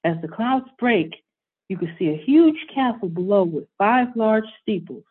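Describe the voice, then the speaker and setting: Woman, bedtime story host, calm reading, husky, tinny lo-fi audio. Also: mid-range voice, measured pace.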